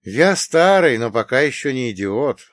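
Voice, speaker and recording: A man voicing a frail old man with a hoarse, croaking voice in an audiobook. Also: mid-range voice, sing-song, normal speed, a bit bright, no room sound, voice pushed up. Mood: defiant.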